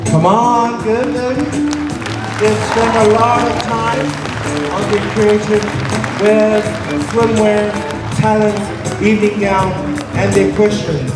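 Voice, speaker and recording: A woman's voice: medium pitch, little pitch movement, slow. Casting: rousing female pageant host, projected delivery, cavernous hall over blaring music and crowd. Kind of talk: rousing stage announcement. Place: large event hall.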